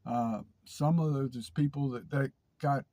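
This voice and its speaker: A man's voice: mid-range voice, measured pace, mellow, dry recording. A man with a stuffy, nasal voice, casually telling a story on his vlog, rambling and repeating words with lots of fillers. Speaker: vlog host.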